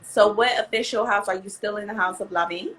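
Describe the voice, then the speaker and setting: A woman's voice: mid-range voice, fairly quick, a bit bright, a little hiss or hum, rough recording. An American woman hosting a casual live interview with slangy, effusive hype. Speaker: host.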